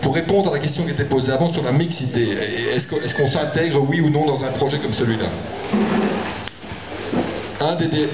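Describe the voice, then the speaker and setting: A man speaking as a developer at a public meeting, explaining himself with many stammered repetitions. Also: medium pitch. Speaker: property developer presenting a project. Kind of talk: spontaneous argument at a public meeting. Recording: echoey, muffled hall with audience noise.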